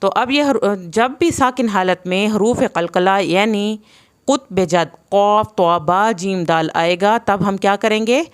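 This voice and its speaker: Speaking with a clean tone at medium pitch, a woman patiently leads an online Quran recitation lesson, breaking letter sounds down and slowing to demonstrate each.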